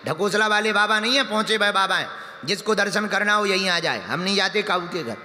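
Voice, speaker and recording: A man's voice: high-pitched, fairly quick, pushed and bright, a little hiss or hum. A man voicing a stubborn, insistent god as an ascetic. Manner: insistent, raised and pleading. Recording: echoey hall with music.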